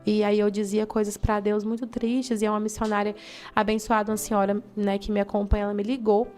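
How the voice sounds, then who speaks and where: Uma jovem missionária com sotaque brasileiro dá seu testemunho pessoal com emoção, contando cenas vivas e imitando as falas das pessoas. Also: female voice, medium pitch, flat delivery, fast, a little mellow, faint music behind. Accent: Brazilian. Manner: fervent, vivid storytelling with acted-out quotes. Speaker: missionary giving testimony. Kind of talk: emotional personal testimony in an interview.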